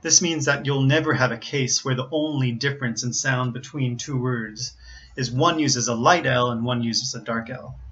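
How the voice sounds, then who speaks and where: An American man giving an instructional pronunciation lesson, explaining carefully and enunciating examples deliberately. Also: medium pitch, a bit bright. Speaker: English pronunciation teacher. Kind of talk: instructional explanation with word demonstrations. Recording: slightly dull, lo-fi audio.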